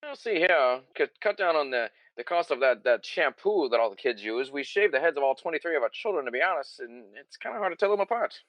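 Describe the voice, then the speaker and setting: A man's voice: a little high, animated, fast talker, hardly any pauses, no room sound, highs cut off, voice pushed down, natural voice. A man playing a cheerfully grim backwoods rancher on a comedic 1920s-style radio parody, drawling about grisly events.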